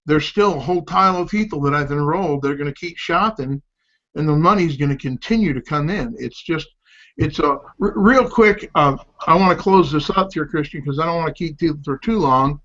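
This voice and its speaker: A middle-aged man giving a casual, candid promotional talk to camera, with halting, slightly slurred speech as if half his mouth is numb from the dentist. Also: on the high side, fairly bright tone. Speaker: home-based business promoter. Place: small home office. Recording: dull, lo-fi sound.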